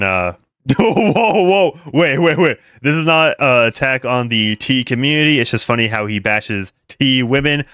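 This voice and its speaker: A man's voice: mid-range voice, bright, forceful tone, smooth, no room sound, clean studio sound. A young man rambling through casual livestream commentary, laughing often and restarting his sentences. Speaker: commentary streamer.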